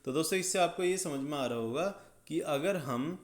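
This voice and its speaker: A man's voice: fairly high pitch, normal speed. A man explaining electrical circuits step by step as a tutor, checking often that the listener follows. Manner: step-by-step, checks understanding with "ठीक है". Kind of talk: explaining circuits at a drawing board.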